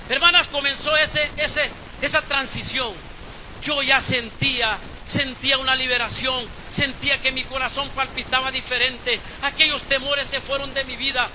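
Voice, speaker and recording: A man preaching a sermon as pastor, moving from hushed storytelling to shouted exhortation. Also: very high-pitched, a little hiss or hum. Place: church service, live stream.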